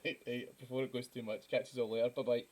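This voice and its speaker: A man hosting a live drawing stream, talking in a relaxed, rambling way to his viewers. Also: medium pitch, fast, slight background noise. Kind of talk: casual chat.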